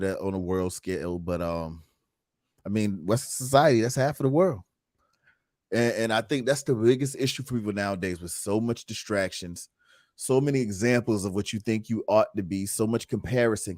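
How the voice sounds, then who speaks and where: A man's voice: fairly low pitch, a little mellow, no echo, studio quality. A man hosting a casual livestream talk, earnest and reflective, reading viewer comments aloud. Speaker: host.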